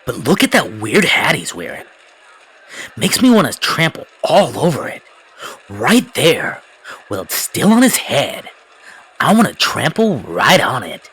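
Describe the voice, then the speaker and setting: A man's voice: mid-range voice, wildly swooping pitch, a little slow, pauses often, fairly bright tone, breathy edge, full character voice, rough recording. A man voicing a cocky, irritable racer in an anime fan dub, with a dismissive, grumbling delivery.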